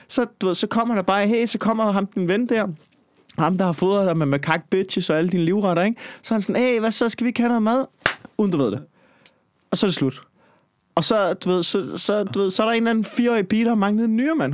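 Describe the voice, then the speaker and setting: A man's voice: high voice, no echo. A man in casual chat, rambling and joking crudely with lots of filler tags.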